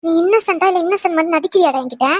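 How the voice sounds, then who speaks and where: Woman doing a shrill, bossy cartoon girlfriend. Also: rapid-fire. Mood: exasperated. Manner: nagging, scolding, sighing exclamations. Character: bossy, exasperated young woman scolding her boyfriend. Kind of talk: cartoon voice acting.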